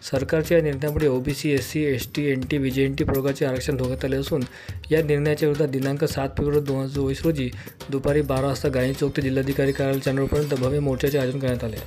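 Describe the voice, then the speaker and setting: A man reading a scripted news report in a formal, even delivery, as a voice-over. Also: mid-range voice. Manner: flat, rapid formal reading. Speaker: news reader. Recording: voice-over with faint music bed.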